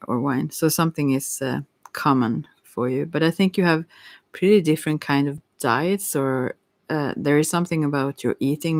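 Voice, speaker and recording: A tarot card reader hosting ASMR gives a rambling reading in a creaky, mid-range voice, recorded very close and dry with no room sound. She is hesitant and apologetic, halting often and interrupting herself.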